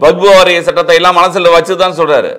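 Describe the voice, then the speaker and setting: A man's voice: high-pitched, steady tone, fast talker, bright, forceful tone. A man interviewing a political guest, cutting in with counterpoints and frequent false starts.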